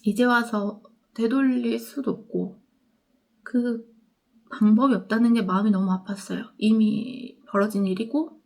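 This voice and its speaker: A young woman with a Gwangju accent talking about books in a reflective vlog. She speaks earnestly and haltingly, and her sentences often trail off into soft, whispered endings. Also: a little high, fairly even intonation, gravelly. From Korea. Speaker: book vlogger. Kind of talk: personal reflective talk.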